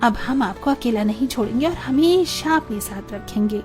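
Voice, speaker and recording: A woman voicing a group of emotional young married daughters in an animated story, pleading and tearful by turns. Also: fairly high pitch, moderate pace, over music, natural voice. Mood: reassuring.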